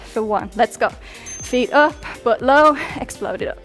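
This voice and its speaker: A woman's voice: a little high, a little slow, a bit bright. A young woman instructing a workout over music in an upbeat coaching manner, counting down reps and sometimes out of breath. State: out of breath at times. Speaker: fitness instructor.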